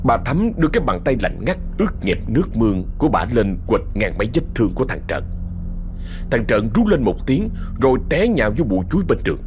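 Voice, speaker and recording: A man's voice: mid-range voice, very animated, quick pace, music in the background. A man telling a ghost story in a dramatic way.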